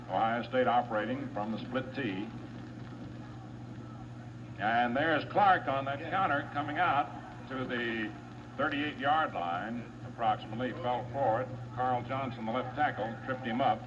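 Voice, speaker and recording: Announcer, man, fast-listing names and yardage, muffled old wire recording, steady hiss. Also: medium pitch. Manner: brisk, reels off names, yard lines and down-and-distance. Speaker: play-by-play announcer. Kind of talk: live radio football play-by-play.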